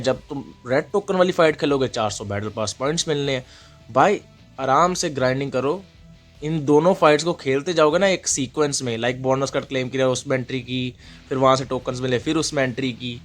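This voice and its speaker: A young man giving a casual game walkthrough as host, mixing Hindi and English, repeating the steps and often checking in with his listeners. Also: medium pitch. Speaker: gaming guide host.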